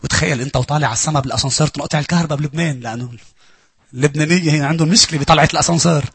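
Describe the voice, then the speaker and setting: A man with a Lebanese accent delivers a sermon in a high, forceful voice with a husky edge. He swings between loud urging and quiet asides. The sound is dry and close. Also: racing, no room sound. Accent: Lebanese Arabic. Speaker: preacher.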